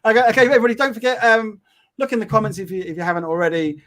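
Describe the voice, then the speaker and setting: A man's voice: high-pitched, steady tone, very fast, fairly bright tone, a little hiss or hum. An English man hosting a casual live online show, rambling and upbeat, often repeating his words. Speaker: show host. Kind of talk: casual live-stream chat.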